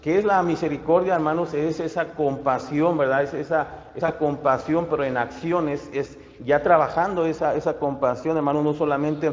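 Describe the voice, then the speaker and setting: Halting man preaching in an echoey hall. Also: a little high, steady tone. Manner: halting, many fillers and restarts. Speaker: pastor. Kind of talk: sermon. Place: church. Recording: echoey hall, dull lo-fi sound.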